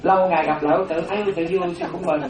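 A Buddhist monastic teaching a dharma class, slowly repeating terms for note-taking, with chatty asides. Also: medium pitch, fairly even intonation. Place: classroom with a board. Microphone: distant room microphone. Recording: roomy, distant, dull lo-fi room recording.

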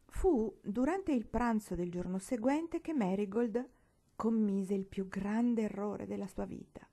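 A woman from Italy reads a classic novel aloud in a steady, expressive voice. Her pitch sits in the middle range and she takes her time with each sentence. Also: measured pace. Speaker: reader. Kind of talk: audiobook narration.

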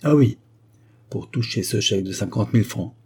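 A man reads the part of a young French governess, proud but hurt, speaking in a hesitant, pleading way. The voice stays dark and husky, set a little above the reader's own low register. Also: normal speed. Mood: wounded pleading.

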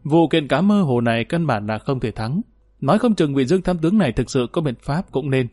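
A man's voice: mid-range voice, expressive, brisk, darkish tone, no echo, studio quality, faint music behind. A man narrating a historical novel, reading steadily and lifting his voice when characters speak. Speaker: audiobook narrator.

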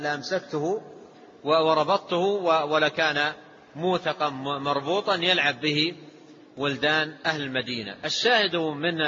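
A man's voice: fairly high pitch, pushed and bright, a little hiss or hum. A man teaching a lesson, explaining a text and repeating phrases as he goes. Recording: echoey hall, dull lo-fi sound.

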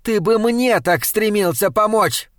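A man's voice: fairly high pitch, lively intonation, normal speed, no room sound, clean studio sound, close to an everyday voice. A man voicing a furious, scornful young woman in an audiobook, screaming insults and sneering.

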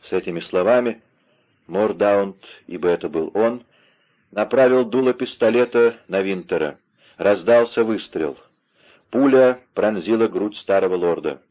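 A man narrating an adventure novel aloud in a dramatic, lively reading style, on a slightly dull recording. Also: lowish voice, measured pace. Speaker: audiobook narrator. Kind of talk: scripted narration.

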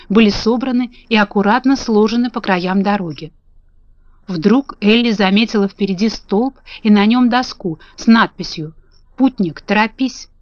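Woman storybook reader, mid pitch, dry and dull lo-fi sound. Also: no room sound. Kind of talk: storybook reading.

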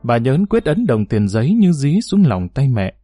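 Expressive male audiobook narrator. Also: mid-range voice, normal speed, no echo, faint music behind. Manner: expressive storytelling reading. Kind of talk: scripted novel narration.

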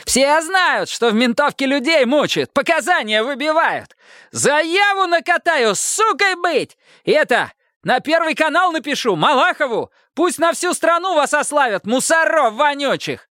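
A man voicing a defiant bald petty thief who squeals and shouts crude slang in a high voice. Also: sing-song, normal speed, no echo, clean studio sound, heavily acted. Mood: shouting defiance.

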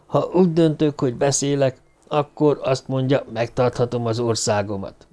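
A man's voice: medium pitch, steady tone, dark tone, close to an everyday voice. A man voicing a cornered, bitter male ruler who speaks in a strained voice while reading an audiobook.

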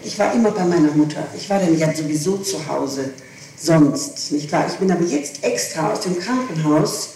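A woman with a low, expressive, mellow voice speaks at a moderate pace as a suspect under police interrogation, insisting on precise dates and times in her account. She sits far from the microphone in a reverberant room, captured on an echoey, distant, noisy archival tape.

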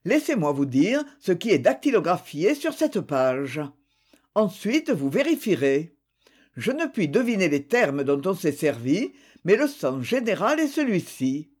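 A reader voicing a calm, clever mechanic sleuth. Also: mid-range voice, unhurried, slightly rough. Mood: assured. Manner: composed, explanatory. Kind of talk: audiobook character reading.

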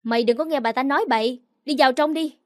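A woman reading a storybook voicing a brash, defensive young man who talks roughly. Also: high voice, fast talker, no echo, clean studio sound, lightly acted. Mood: blustering. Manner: rough, blustering.

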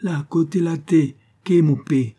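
Guy doing a young native boatman hollering across the water in broken creole, pitched way up, a bit husky. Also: expressive, moderate pace, warm tone. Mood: answering. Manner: calls out in high broken Creole.

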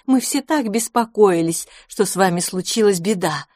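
A woman's voice: medium pitch, animated, normal speed, darkish tone, dry recording, clean studio sound, close to an everyday voice. A woman doing a worried, kind domovoy mother. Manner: breathless, worried.

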